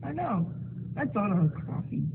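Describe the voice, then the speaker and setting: In an amateur puppet show, a performer voices a chatty, goofy sock puppet guide showing a newcomer around town, using a muffled, sing-song voice at medium pitch and a moderate pace. The tone is friendly and boastful, and the recording sounds tinny and phone-like with faint noise.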